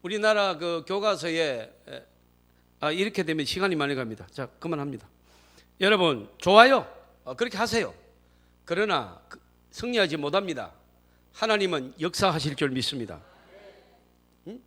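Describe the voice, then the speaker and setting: A man preaching a sermon as pastor, moving between quiet asides and loud, shouted exhortations. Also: on the high side, very animated, moderate pace, long pauses. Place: church sanctuary.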